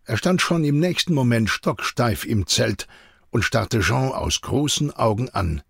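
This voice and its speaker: A male audiobook narrator with a gravelly, slightly husky voice and a lively, expressive delivery. The reading sounds close and dry. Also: mid-range voice, measured pace, dry recording. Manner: expressive storytelling. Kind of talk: scripted narration.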